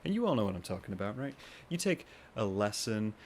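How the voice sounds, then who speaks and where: A man hosting a podcast in a casual, rambling monologue, with self-mocking asides and quoted voices acted out higher. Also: very animated, fairly quick, a little hiss or hum. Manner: acts out what others say in higher voices. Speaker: podcast host.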